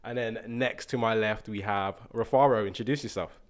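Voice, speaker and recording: A man's voice: on the low side, steady tone, normal speed. Upbeat chatty man with Birmingham accent. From England. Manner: upbeat, chatty, laughs easily. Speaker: podcast host. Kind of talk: casual podcast chat.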